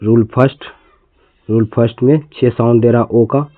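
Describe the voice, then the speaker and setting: A man's voice: medium pitch, steady tone, normal speed, dry recording. A man from India teaching an English reading lesson, spelling words letter by letter and repeating them patiently. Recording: tinny, phone-like lo-fi sound.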